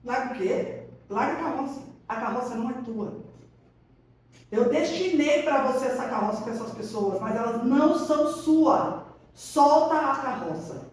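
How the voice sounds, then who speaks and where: A woman's voice: high voice, normal speed, a little hiss or hum. A woman, a podcast guest giving a casual faith testimony and acting out the quoted dialogue in her stories. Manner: animated storytelling, acts out quoted dialogue. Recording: echoey room, mic at a distance.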